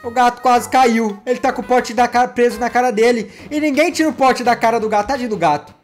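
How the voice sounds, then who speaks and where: A man, hosting his channel and reacting to funny cat clips in an excitable, playful way, teasing himself and his pets. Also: extremely high pitch, fast talker, faint music behind. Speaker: YouTube gaming host.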